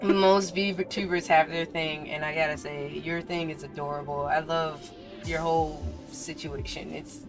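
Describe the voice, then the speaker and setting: A woman host with a notably low voice who teases and jokes with her guest in a relaxed, playful way. Clear music runs underneath her speech. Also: a little slow. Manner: playful, teasing, affectionate slang. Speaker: podcast host. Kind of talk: casual podcast interview.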